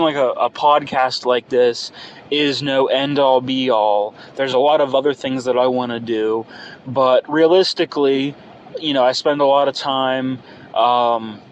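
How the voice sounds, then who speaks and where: A man's voice: mid-range voice, muffled recording. A man in his early twenties hosting a casual, unscripted solo podcast, talking hesitantly and thinking aloud into a phone inside a car. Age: early 20s. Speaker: podcast host. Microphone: phone microphone. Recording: noisy car-interior phone recording.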